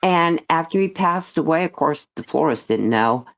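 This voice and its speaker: A woman taking part in a casual group chat, teasing and telling stories in a lively way. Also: low voice, normal speed, poor audio. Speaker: chat guest.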